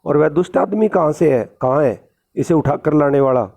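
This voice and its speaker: A man's voice: fairly high pitch, normal speed, vocal fry, darkish tone, voice pushed up. A man doing a sleepy, curious crow.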